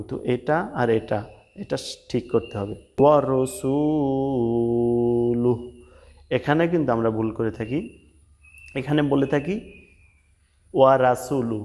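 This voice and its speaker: A man teaching a prayer recitation step by step, drawing out the Arabic words in a slow chant and spelling out letters and vowel marks between brisk explanations. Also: mid-range voice. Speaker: religious teacher.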